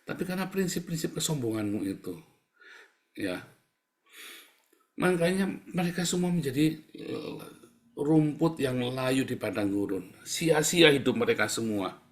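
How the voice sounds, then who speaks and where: A man preaching a sermon in a blunt, scolding way. He laughs at his own jabs and swings between loud bursts and quiet asides. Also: medium pitch, expressive, measured pace, long pauses. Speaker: pastor.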